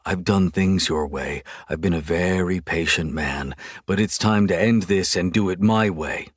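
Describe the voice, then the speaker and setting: This is a domineering, possessive husband from an audiobook romance, read by a man. The voice sits very low and lays down firm, clipped declarations as if nothing is up for debate. The sound is dry and close to the mic. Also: a little slow, no room sound. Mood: commanding. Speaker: audiobook narrator voicing male characters. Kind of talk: audiobook character reading.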